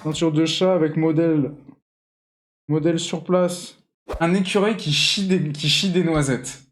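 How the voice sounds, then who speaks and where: A young man hosting a charity livestream from his home, chatting playfully and teasing while he draws, sometimes bursting into high shouts. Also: fairly even intonation, a little slow, faint music behind. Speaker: charity stream host. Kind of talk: casual livestream chat while drawing. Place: home room.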